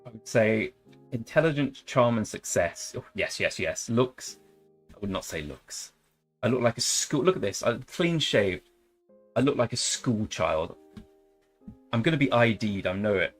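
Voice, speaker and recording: Talking at a measured pace in a very animated, medium-pitched voice, a young man chats casually during his strategy game live stream. He cracks jokes, wanders off topic, and attempts silly accents while faint music plays.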